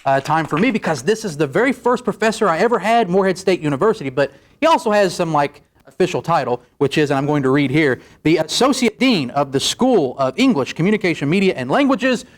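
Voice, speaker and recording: A man's voice: fairly high pitch, lively intonation, quick pace. A young man hosting a comedic late-night talk show, rambling and goofy as he jumps between bits.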